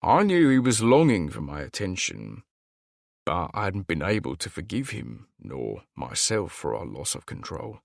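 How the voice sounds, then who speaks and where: A man narrating a fantasy novel in a steady first-person telling. His voice is low and gravelly and moves through a wide, lively pitch range. The recording is close and dry. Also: moderate pace, no echo. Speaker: audiobook narrator. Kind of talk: scripted narration.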